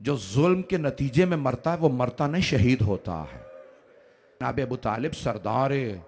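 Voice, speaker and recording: A man preaching a mourning sermon to a gathering, moving from hushed storytelling to wailing, shouted lament. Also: medium pitch, expressive, measured pace, slight background noise. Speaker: Shia cleric reciting a majlis.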